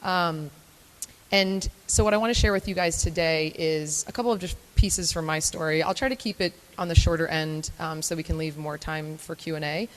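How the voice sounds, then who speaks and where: A woman's voice: low voice, fairly even intonation, normal speed. A young woman from Florida giving a chatty, self-deprecating live talk to an audience, with frequent filler ums. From Florida, United States. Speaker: guest speaker at a morning talk event. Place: event hall before a live audience. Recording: long hall reverb.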